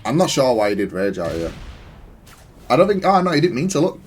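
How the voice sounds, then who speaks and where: Talking through his own match replay, a gamer offers analytical, matter-of-fact remarks, thinking aloud in a halting way. He speaks fairly quickly in a mid-range voice with big swings in pitch.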